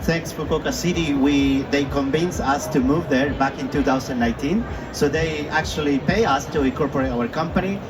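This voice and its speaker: A man's voice: a little high, moderate pace, hardly any pauses. A man born in Chile and raised in Australia, a startup incubator founder, introducing himself on a panel with enthusiasm. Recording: distant mic in a noisy event hall.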